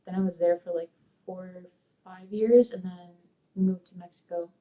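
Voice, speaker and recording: A young community college student, born in Peru and raised in Sacramento, sits in a dark studio answering oral history questions in a rambling, hesitant way packed with fillers. Her fairly low voice stays steady at a normal speed, picked up far from the mic on a muffled recording.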